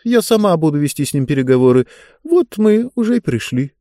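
A man's voice: a little high, a little fast, no room sound, clean studio sound, voice pushed up. A man voicing a chatty, knowing talking book. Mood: confiding. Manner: lively, confiding storyteller tone. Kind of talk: audiobook character voice.

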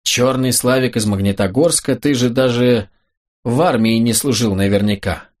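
A man reading an audiobook, voicing a cool, sharp-tongued young woman who gives orders in an imperious, sarcastic way. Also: medium pitch, normal speed, lightly acted. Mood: commanding.

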